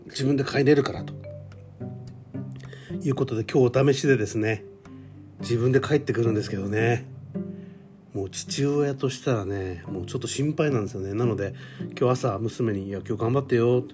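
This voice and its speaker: A man's voice: medium pitch, normal speed, pauses often, music in the background. A man in his forties hosting a casual solo podcast, rambling and self-deprecating with lots of fillers. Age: 40s. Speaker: podcast host. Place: home.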